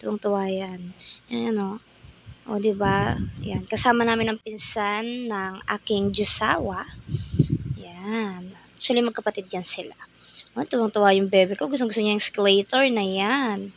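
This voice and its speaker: A woman's voice: medium pitch, fairly even intonation, moderate pace, gravelly, pauses often, a little hiss or hum. A young woman, chattily narrating a family day-out vlog in a playful, slangy way. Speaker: vlogger, mother.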